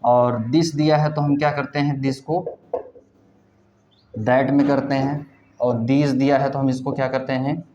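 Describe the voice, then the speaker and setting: A man's voice: mid-range voice, little pitch movement, a little slow, long pauses, background noise. A man teaching English grammar in a classroom lecture, drilling students with repeated questions. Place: classroom with a board. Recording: roomy, dull classroom recording.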